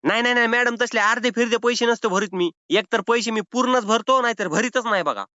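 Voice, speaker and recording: In a comic prank phone call, a man plays a cheeky, evasive loan defaulter from rural Maharashtra, stalling in a whiny, argumentative, defiant way with a rural Maharashtrian Marathi accent. His voice is very high, a little fast, pushed and bright, and clean with no room sound, though the phone audio is slightly dull.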